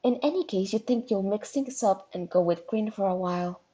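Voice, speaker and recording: A woman reading a webcomic aloud on a live stream, animated and casual, with quick asides. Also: mid-range voice. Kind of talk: casual live read-along.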